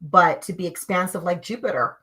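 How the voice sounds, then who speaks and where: A woman guest telling personal spiritual stories in an animated, emphatic way, swinging between hushed and loud. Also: lowish voice, a little fast. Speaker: guest sharing spiritual experiences. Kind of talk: conversational storytelling.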